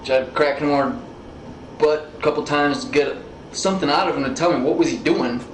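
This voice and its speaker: In a police interview room, a suspect in his thirties speaks in a voice on the high side at a normal pace. This American man answers questions informally and rambles, with some swearing, and the interrogation recording is noisy and echoey.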